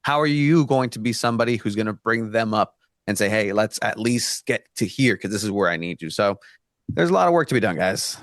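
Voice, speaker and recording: A Mexican man, Spanish being his first language, sounds animated and fairly quick in a lowish voice as an earnest guest on a casual podcast. His speech is full of restarts and fillers. It's recorded at studio quality with no echo.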